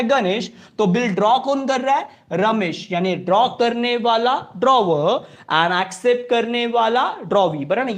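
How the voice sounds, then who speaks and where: A man with an Indian accent teaching accounts, drilling students with question-and-answer repetition and mixing English terms into his speech. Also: high voice. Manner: mixes English terms into Hindi. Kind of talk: classroom lecture.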